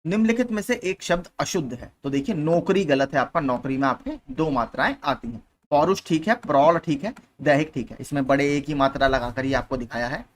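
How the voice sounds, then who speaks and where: A man's voice: on the high side, a little fast, hardly any pauses, a little hiss or hum. Patient male exam-prep teacher. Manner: patient, repeats points, frequent "theek hai" checks. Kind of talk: explaining exam questions.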